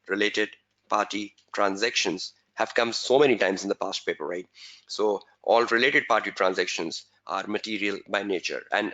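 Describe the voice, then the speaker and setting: A man teaching an exam webinar, repeating key phrases slowly for emphasis and answering viewers' chat questions by name. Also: fairly low pitch, bright, forceful tone, lo-fi sound. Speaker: exam tutor.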